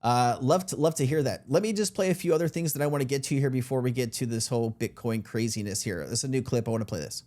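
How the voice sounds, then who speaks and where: Talking fast with hardly any pauses, this man has a mid-range, darkish voice made a little thick by a sore throat. He's a crypto show host, unwell but casually commenting on clips he plays and addressing viewers as "guys."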